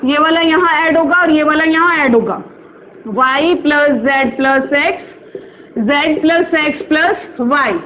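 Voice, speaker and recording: A woman's voice: very high-pitched, a bit bright, a little hiss or hum, poor audio. A woman teaching a maths lesson, explaining step by step and asking the class question after question. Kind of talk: classroom lecture.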